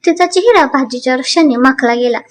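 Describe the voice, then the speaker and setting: A woman narrating a dramatic story in an expressive, animated way. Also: sits high, fast talker.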